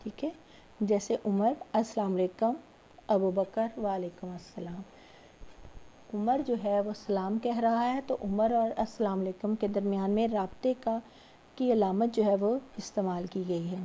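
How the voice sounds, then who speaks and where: Woman teacher, warm dark tone, recorded lecture, patient, repetitive. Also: medium pitch, fairly even intonation, a little hiss or hum. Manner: patient, repeats key points, frequent check-ins. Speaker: school teacher.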